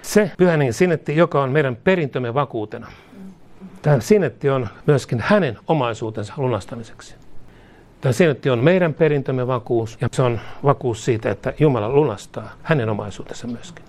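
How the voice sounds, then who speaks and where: A man preaching a sermon, mixing casual speech into the preaching and rising louder and higher on emphatic points. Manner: mixes colloquial speech into preaching, chuckles between points; rises in pitch and volume on emphatic lines.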